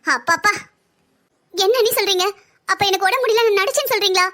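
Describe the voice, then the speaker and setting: Woman doing a bossy, sharp-tongued sister-in-law. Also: very high-pitched, fairly quick. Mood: scolding. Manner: taunting, scolding. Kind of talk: cartoon story voice acting.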